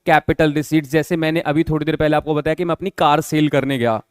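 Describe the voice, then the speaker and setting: A man's voice: high voice, a little mellow, clear, resonant tone, dry recording, studio quality. A man teaching an accounting class, explaining patiently, repeating key terms and checking often whether the students have understood. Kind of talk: classroom lecture.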